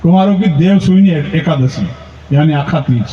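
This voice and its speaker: A man performing stand-up comic storytelling, animated and playing his relatives in squeals. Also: fairly high pitch, normal speed, slight background noise. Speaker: comedian poet. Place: large event stage. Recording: roomy far-off lo-fi stage recording.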